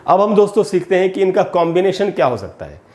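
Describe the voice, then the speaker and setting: A man with a voice a little higher than most men's teaches English grammar in Hindi. He takes each term slowly, repeats it, and keeps calling his viewers friends. He speaks into a close mic with no room sound. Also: very animated, darkish tone.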